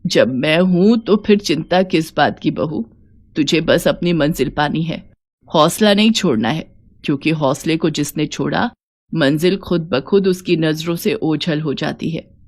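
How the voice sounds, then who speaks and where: Woman plays a gentle elderly mother-in-law in a cartoon story, slow and soft-spoken. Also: low-pitched. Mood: tender.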